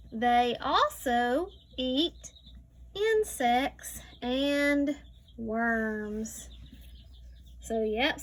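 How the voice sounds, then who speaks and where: A high-pitched woman teacher reads a picture book aloud to young students. She goes slowly and deliberately, stretching out words and adding teaching asides.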